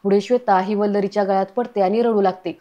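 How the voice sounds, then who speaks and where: A woman giving a casual, chatty recap of a television serial and addressing her listeners as friends. Her voice is mellow and dark, and her pitch stays flat. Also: fast, muffled recording.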